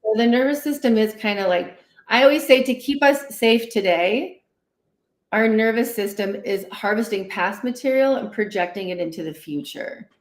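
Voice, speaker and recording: A licensed clinical social worker appearing as a guest therapist explains in a lively, conversational way during a livestream interview; her voice is a little high with lively intonation at normal speed. She often acts out inner dialogue and checks in with "right?". The recording echoes in a roomy space.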